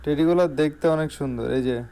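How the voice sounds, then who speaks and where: A man's voice: on the high side, fast, dark tone, smooth. A man with a Bangladeshi accent giving an informal salesman's product showcase in voice-over, repeating key phrases for emphasis. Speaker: shop salesman.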